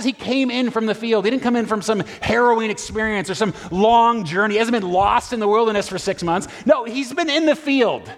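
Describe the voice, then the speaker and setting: A man preaching a conversational sermon in a casual, animated way, full of fillers and restarts, heard in a reverberant church hall. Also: sits high. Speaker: pastor.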